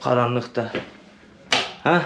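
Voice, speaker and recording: A man's voice: medium pitch, slow, vocal fry, dull audio. A young man with an Adana Turkish accent, vlogging while hitchhiking and later in a hotel room, chatty and wry, dropping to glum mutters. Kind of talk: casual vlog monologue. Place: outdoors by a busy road, later a hotel room. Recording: loud traffic noise outdoors.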